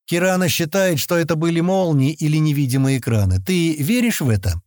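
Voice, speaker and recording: A man reads a wary, scheming space fugitive who boasts about his exploits. The voice is mellow and dark, with animated pitch swings. It is recorded dry and close. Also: brisk, no room sound, natural voice.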